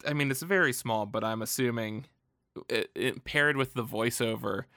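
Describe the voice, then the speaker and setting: A man co-hosts a casual comic book podcast in a bright, forceful voice with a dry, close sound. He talks in an animated way, swears freely and laughs often. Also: medium pitch, normal speed, dry recording. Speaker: podcast co-host.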